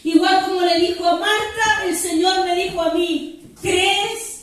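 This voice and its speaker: At a house church service, a woman gives a sermon testimony with fervor, repeatedly calling her listeners "hermano." Her very high voice is steady in tone and at normal speed. It's picked up from far off in a strongly echoing room.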